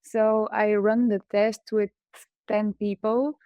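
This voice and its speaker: A woman's voice: medium pitch, flat delivery, slow, mellow, no echo, highs cut off. Woman from Bulgaria, hesitant presenter. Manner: hesitant, frequent fillers. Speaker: startup co-founder. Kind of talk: webinar presentation.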